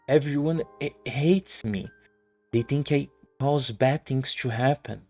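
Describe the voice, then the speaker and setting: A man voicing a lonely, outcast young woman in a game story, speaking softly and dejectedly. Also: medium pitch, measured pace, soft background music. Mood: despairing. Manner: soft, dejected.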